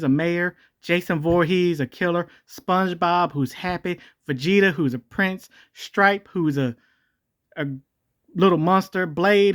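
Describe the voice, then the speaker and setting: Through a voice-morphing changer, a video host delivers rambling comedic commentary. The jokey delivery is full of self-corrections, and the pitch keeps jumping around.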